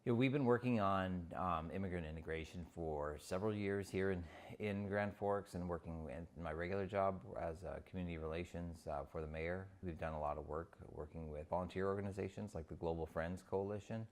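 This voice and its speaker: A man from North Dakota who works in community relations, speaking in a documentary interview with a halting delivery and many pauses. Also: sits low. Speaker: city community relations officer.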